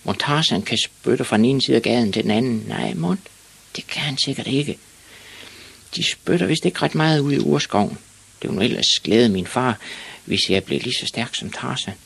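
A man voicing an eager, excitable young boy in a storybook reading, with a husky, gravelly edge. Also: medium pitch, voice pushed up, exaggerated voice. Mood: pondering.

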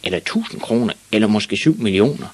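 A man voicing an eager, excitable young boy in a storybook reading, with a husky, gravelly edge. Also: on the low side, pitched above the performer's own voice. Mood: pondering.

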